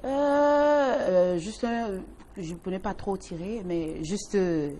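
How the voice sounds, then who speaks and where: A woman's voice: medium pitch, slow pace, mellow. A woman from Cameroon, a cabaret singer who answers cheerfully, repeating words and hesitating. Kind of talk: interview answers.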